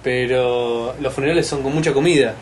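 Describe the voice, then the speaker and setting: A man with an Argentine accent in comedic banter, laughing a lot and tossing in quick quips. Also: mid-range voice, a crowd in the background. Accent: Argentine Spanish. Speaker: comedic panelist.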